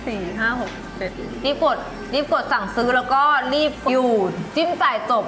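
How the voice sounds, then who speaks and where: A woman's voice: on the high side, normal speed. A young woman in casual live-stream sales chat, speaking in a playful, informal, spontaneous way. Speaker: guest celebrity co-seller. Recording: clearly noisy live-stream room.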